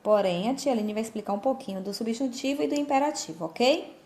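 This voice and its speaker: A woman teacher, giving a video lesson to young children and stressing each example slowly and clearly. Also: on the high side, mellow. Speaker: primary school teacher. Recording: roomy echo.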